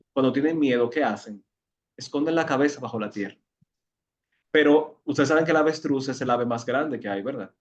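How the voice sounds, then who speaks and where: A man with a Dominican accent leads an online class, explaining ideas and turning to the group with questions. His voice sits a little high for a man. The video call sound is dull and muffled. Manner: explanatory, asks the audience questions, repeats words when searching. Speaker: facilitator of an online educational session. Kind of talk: interactive talk to an online group.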